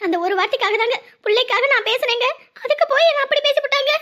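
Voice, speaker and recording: A Tamil woman in a family drama who talks quickly and fearfully, begging her husband for help. Her voice is very high and bright. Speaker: wife and mother.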